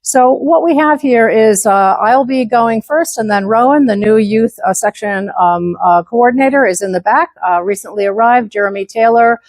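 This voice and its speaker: A woman in her 70s, a section manager and former teacher, gives a club presentation in a conference room, moving about as she speaks. Her fairly high, slightly mellow voice runs at a moderate pace with few pauses, though she often stops on fillers and restarts sentences. The recording is dry, close, and low quality.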